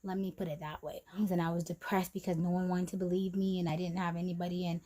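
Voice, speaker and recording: A woman's voice: fairly low pitch, little pitch movement, quick pace, rough recording. A young woman vlogging candidly about a hard stretch, repeating herself and near tears at times. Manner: many fillers and restarts, drifting soft and quiet. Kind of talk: emotional personal story vlog.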